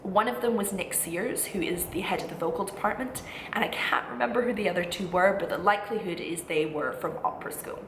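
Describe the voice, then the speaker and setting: A student vlogger in her twenties talks straight to viewers, offering chatty, encouraging, emphatic advice in a casual style. Her mid-range voice is a bit bright and fairly quick, with few pauses, recorded in an echoey room with clear background noise.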